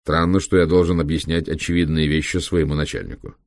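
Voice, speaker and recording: A man reading an audiobook, voicing a cold, ruthless German male biochemist with a creaky, reproachful voice. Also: a bass voice, level tone, fast talker, no room sound, clean studio sound. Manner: reproachful, dismissive.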